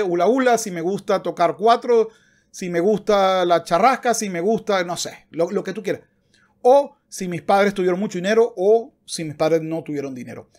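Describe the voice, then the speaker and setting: The voice sits high with a darkish tone: a man in his thirties giving emphatic, argumentative commentary of the opinionated-video kind, reading passages aloud. A desktop microphone is close in front of him in a book-lined room at home.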